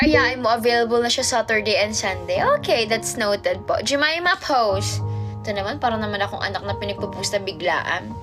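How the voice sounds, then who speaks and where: High-voiced young woman chatting on a livestream. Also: sharp tone. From Philippines. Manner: reads viewer comments aloud and answers them playfully, mixing English and Filipino. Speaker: idol livestreamer reading fan comments. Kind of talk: casual livestream chat. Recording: livestream with background music. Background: music playing in the background.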